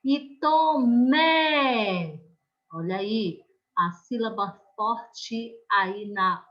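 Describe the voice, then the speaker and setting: A Brazilian woman teaching an online class, explaining slowly and patiently and often checking that the children follow. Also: a little high, pushed and bright, lo-fi sound. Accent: Brazilian Portuguese.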